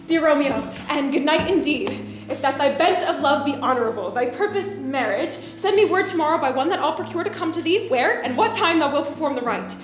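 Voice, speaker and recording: A woman's voice: sits high, lively intonation, a little fast, hardly any pauses, reverberant, faint music behind. A woman playing a lovestruck, playful, eager young maiden in theatrical Shakespearean verse. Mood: flustered, eager. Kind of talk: theatrical Shakespearean stage acting.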